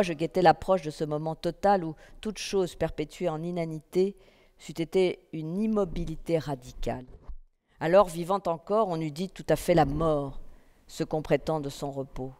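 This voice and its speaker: A woman reading a literary text aloud at a festival, in a calm, measured first-person narration. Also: sits low. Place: festival stage in a hall. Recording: long reverb of a hall.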